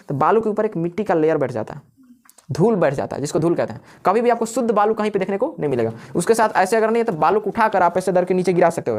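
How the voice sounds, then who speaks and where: A man teaching a live class, who keeps asking questions and answering them himself while repeating the key words. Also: high voice. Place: classroom with students.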